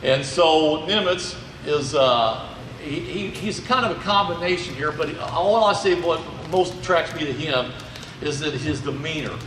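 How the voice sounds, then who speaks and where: In a large indoor museum hall, a middle-aged man from Indiana, USA volunteers as a guide, giving a chatty, folksy history talk and asking "okay?" along the way. His fairly high voice is unhurried, picked up on a loosely held handheld mic and captured from a distance amid echo and noisy background.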